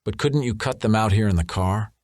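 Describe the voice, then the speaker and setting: A man's voice: on the low side, brisk, darkish tone, no room sound, studio quality, natural voice. A man voicing a belligerent, drugged-up young troublemaker who sneers and snaps. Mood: sneering. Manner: sneering, hostile.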